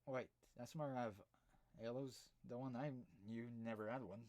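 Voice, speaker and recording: A man's voice: medium pitch, steady tone, normal speed, a little mellow. A man playing a tabletop game, making dry, teasing remarks. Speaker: player. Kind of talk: tabletop role-play chat.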